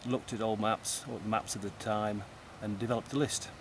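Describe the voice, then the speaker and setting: An older man speaks thoughtfully and precisely, sometimes breaking off a word to restart it. He is recorded outdoors, and clear traffic and street noise run behind his voice. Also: on the low side, flat delivery, moderate pace. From East Lancashire, England. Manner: thoughtful, precise, restarts words mid-phrase. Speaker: guest. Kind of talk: conversational interview.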